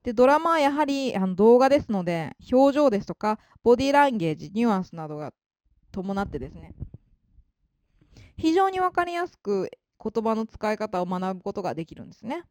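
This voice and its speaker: A woman giving an informal spoken lesson of study advice, polite in manner, with frequent fillers and emphatic pauses. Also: fairly high pitch, very animated, darkish tone, no room sound, studio quality. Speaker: English-learning advisor.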